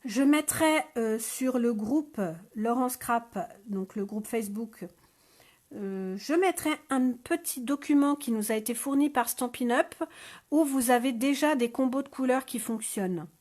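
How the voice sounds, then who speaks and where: A woman's voice: a little high, a little slow, darkish tone. A woman hosting a scrapbooking live stream, chatting casually with viewers with many hesitations and fillers, speaking French. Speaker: scrapbooking channel host. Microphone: phone.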